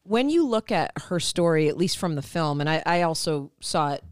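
A woman co-hosting a casual podcast, laying out her points in a thoughtful, explanatory way. Her voice is smooth and clear, and the recording is close and dry with no room sound. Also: sits low, lively intonation, normal speed, no room sound. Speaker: podcast co-host.

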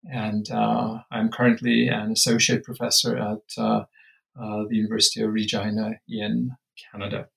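A man's voice: fairly low pitch, monotone, moderate pace, vocal fry, fairly bright tone, rough recording. A man in his fifties, born in Lithuania, speaking as an anthropology professor in an interview, thoughtful and full of hesitations. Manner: thoughtful, many hesitations and fillers. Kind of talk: academic interview.

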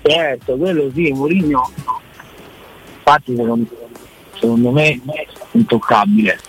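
A man's voice: medium pitch, animated, a little slow, faint music behind. A man, calling into a show over the phone and chatting casually about football, often hedging his opinions. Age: 20s. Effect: heard over a phone line. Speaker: radio call-in listener.

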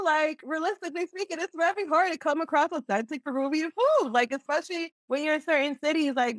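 A young woman from Philadelphia, USA, chats as a guest on a casual podcast interview, her voice high-pitched and recorded dry and close. She's animated, laughs often, and says "like" constantly.

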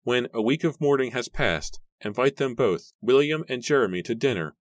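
A man's voice: medium pitch, animated, moderate pace, dry recording, voice pushed up, lightly acted. A man voicing an aging, guilt-ridden father who chokes up and cries out. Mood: grave. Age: older. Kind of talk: audiobook character voice.

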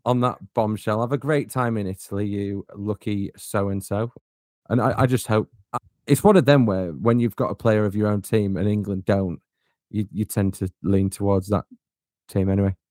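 A man's voice: fairly low pitch, fairly even intonation, moderate pace, a little mellow, dry recording, clean studio sound. A man hosting a casual football podcast, chatty and teasing, handing the floor to his co-hosts. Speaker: podcast host.

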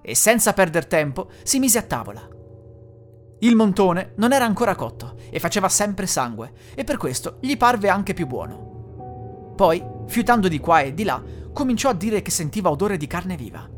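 An expressive fairy-tale storyteller. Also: mid-range voice, normal speed, soft background music.

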